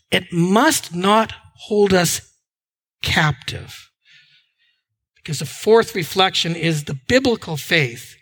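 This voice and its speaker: A man's voice: sits high, sharp tone. A man preaching a sermon as a pastor, earnest, and now and then repeating words.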